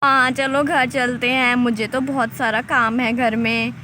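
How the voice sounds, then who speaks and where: A woman voicing a patient young village daughter-in-law in a doll story, speaking gently and unhurriedly. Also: a little high, little pitch movement, a little slow, a little hiss or hum. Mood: chatty. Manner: gentle, placating.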